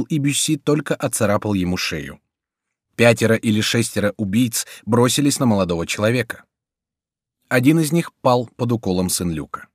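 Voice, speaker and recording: A man narrating a historical adventure audiobook in a dramatic, measured reading. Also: mid-range voice, no room sound, clean studio sound. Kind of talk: scripted narration.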